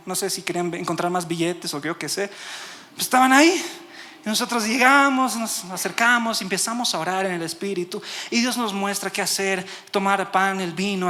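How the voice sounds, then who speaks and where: A man preaching a sermon, animated and full of rhetorical questions to the congregation, laughing as he tells stories. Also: sits high. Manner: laughs while telling stories.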